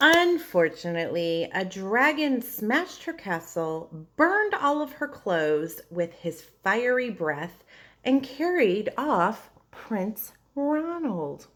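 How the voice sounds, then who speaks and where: A woman narrating a picture book for children as an expressive storyteller. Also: mid-range voice, slow.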